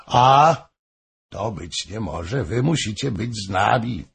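A man's voice: fairly low pitch, animated, slow, creaky, slight background noise, heavily acted. A man doing an insistent scheming general. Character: ambitious male general, pushing and urgent.

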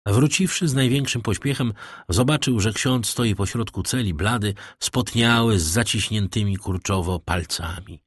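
A man reading a classic novel as an audiobook narrator, in a measured, even literary manner. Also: on the low side, husky, no room sound, studio quality.

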